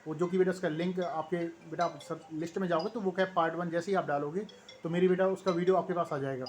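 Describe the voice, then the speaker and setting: A man's voice: on the high side, fairly even intonation, fast talker, slight background noise. A man with an Indian accent teaching a vocabulary lesson in Hindi-English, rattling off lists of English words and addressing students fondly. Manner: rattles off word lists, calls students "beta".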